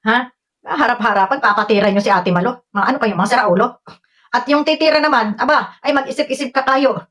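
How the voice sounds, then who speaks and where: Woman vlogger with a high voice, scolding and fired up, keeps throwing rhetorical questions. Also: brisk, a bit bright. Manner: scolding, confrontational, repeated rhetorical "Ha?". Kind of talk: angry rant to online critics.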